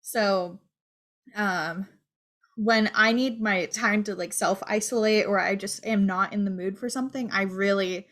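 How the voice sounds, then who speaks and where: A woman's voice: medium pitch, fairly even intonation, unhurried, fairly bright tone. Woman co-host, loose and frank, casual podcast chat. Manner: candid, loose, swears casually.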